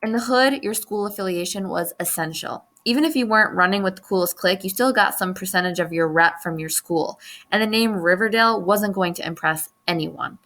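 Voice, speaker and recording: Bright-voiced woman reading a memoir. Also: mid-range voice, a little fast. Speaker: audiobook narrator. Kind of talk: memoir audiobook narration.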